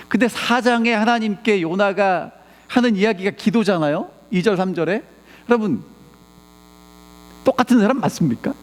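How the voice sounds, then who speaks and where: A man preaching a sermon as pastor, questioning his congregation again and again. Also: sits high. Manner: animated, peppers the congregation with rhetorical questions. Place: church sanctuary. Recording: long church reverb.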